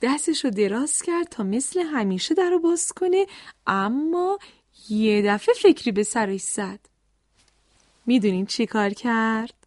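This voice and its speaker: A woman tells a children's story in a high, animated voice and often stops to speak straight to the kids. She is recorded dry and close, with no room sound. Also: no echo.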